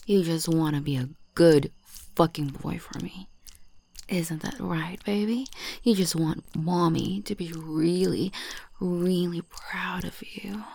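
A woman speaking in a soft, breathy whisper in a teasing, coaxing ASMR roleplay. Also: fairly low pitch.

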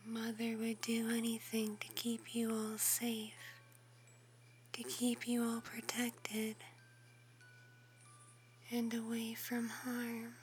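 In a bedtime-story ASMR roleplay, a woman plays a doting, tender, protective adult mother fox, whispering softly in a soothing, affectionate way. Her voice sits on the high side, and she speaks slowly with a completely flat delivery and frequent pauses, her mood tender.

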